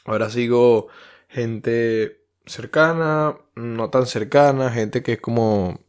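A man's voice: mid-range voice, slow pace, clean tone. A man from Venezuela with a Venezuelan accent, hosting a podcast in a casual, rambling monologue full of fillers and restarts. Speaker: podcast host.

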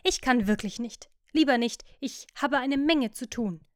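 A woman's voice: a little high, unhurried, dry recording, clean studio sound, natural voice. A woman voicing an earnest male painter who pleads and insists. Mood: pleading.

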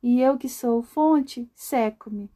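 A woman's voice: on the high side, takes it slowly, warm tone. A woman voicing a talking fountain that recites a sing-song chain of sad news. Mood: lamenting. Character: grieving talking water fountain.

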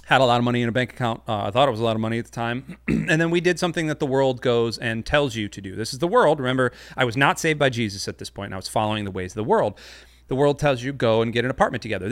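A man's voice: mid-range voice, fast talker, a bit bright, no room sound. A man giving a casual, joking sermon to an online church audience, with many fillers. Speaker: pastor. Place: home studio.

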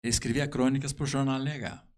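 A man with a southern Brazilian accent, a musician guest in a conversational interview, telling anecdotes in a halting, emphatic way. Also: medium pitch, level tone, a little mellow.

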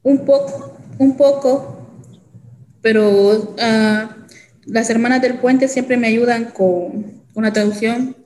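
A young woman from El Salvador, telling her own story as an interview guest in a halting way, with many fillers and restarts. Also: on the high side, a little mellow, roomy sound, poor audio. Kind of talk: hesitant personal testimony.

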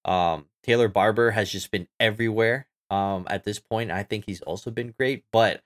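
A man's voice: fairly low pitch, moderate pace. A man co-hosting a podcast in casual chat, rambling along with plenty of fillers. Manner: relaxed, rambling, lots of "like" and "um". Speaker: podcast co-host.

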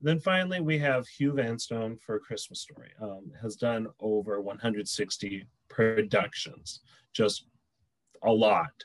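A young man co-hosting a casual chat show, reading out nominees and reacting with loud cheers. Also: fairly low pitch, a little slow, low-quality recording. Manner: excitable, cheers and whoops loudly. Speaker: podcast co-host.

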